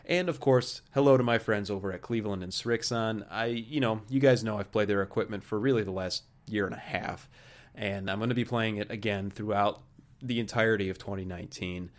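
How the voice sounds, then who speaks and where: A man's voice: lowish voice, fairly quick. A man in his thirties from the American Midwest hosting a golf podcast, chatting casually with many fillers in an office huddle room. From Midwest of the United States. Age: 30s. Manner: chatty, frequent fillers and restarts. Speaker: podcast host. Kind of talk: casual interview and sponsor reads.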